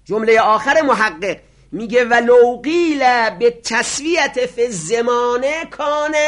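Male seminary teacher with a very high voice, lecturing and posing his own questions. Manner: asks rhetorical questions and answers them himself; voice drops sharply quiet at the ends of phrases. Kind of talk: lecture on religious law.

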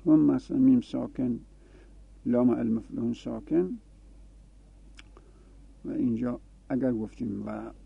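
A man's voice: medium pitch, creaky, long pauses, breathy edge, dry recording. A man giving a classroom grammar lesson, explaining rules and repeating example forms aloud. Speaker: Arabic grammar teacher. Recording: tinny phone-like dry recording.

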